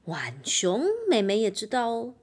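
A woman teacher reading a children's picture book aloud in a playful, animated way, asking the listeners questions. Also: mid-range voice, unhurried.

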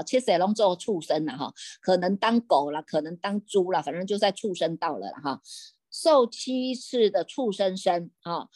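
A woman, teaching Buddhism by retelling a scripture story, repeating her key phrases and trailing off with drawn-out particles. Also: medium pitch, a little mellow. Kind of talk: sermon storytelling.

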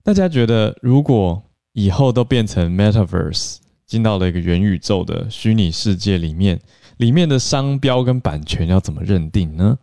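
A podcast host talks through the news in a chatty, explaining way, with plenty of fillers. His voice sits a little low and comes across smooth and clear. The sound is dry and close to the mic, with no room echo. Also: expressive, normal speed, mellow. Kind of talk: casual news and English-learning podcast talk.

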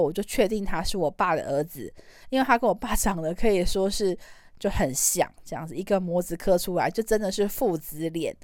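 A woman's voice: fairly low pitch, dry recording, studio quality. A woman with a Taiwanese Mandarin accent hosting a podcast, telling a personal story in a chatty, rambling way. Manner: chatty, rambling, trailing particles. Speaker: podcast host. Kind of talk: casual storytelling monologue.

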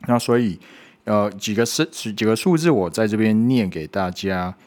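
An English pronunciation teacher with a somewhat low, darkish voice gives a spoken lesson, patiently demonstrating each sound slowly and repeating it several times. He often checks in with a quick "OK".

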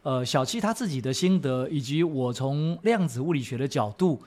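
A middle-aged man from Taiwan, co-hosting a podcast and calmly explaining ideas, often checking in with "right?". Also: medium pitch, moderate pace. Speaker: podcast co-host. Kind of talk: casual advice chat.

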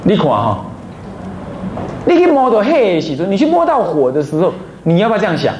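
Lively abbot preaching. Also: male voice, sits high, a little fast. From Taiwan. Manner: asks listeners rhetorical questions often; mixes Taiwanese phrases into Mandarin. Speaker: Buddhist abbot. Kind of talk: dharma talk on precepts. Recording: roomy echo, faint noise.

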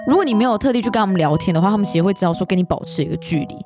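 Brief: young woman, animated pitch, easy agreeable chat over music. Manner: agreeable, quick affirmations. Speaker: guest co-host. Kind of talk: casual chat.

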